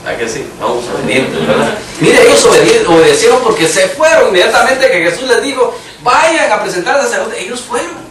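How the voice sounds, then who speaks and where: A man's voice: sits high, big pitch swings, fast, hardly any pauses, fairly bright tone, slight background noise. A man preaching an emphatic sermon in a church hall, now and then raising his voice for quoted cries. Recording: echoey room, mic far off.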